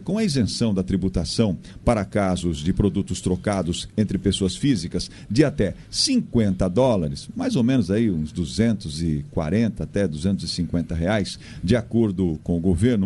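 A man from Brazil reading a radio news bulletin in a steady voice, with the odd filler. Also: on the low side, a little hiss or hum.

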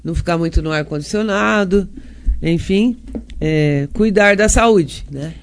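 An older woman with a Brazilian accent, a councilwoman guest on a radio interview, hoarse from a cold and chatting warmly with frequent tag questions. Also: lowish voice, a little slow, slight background noise.

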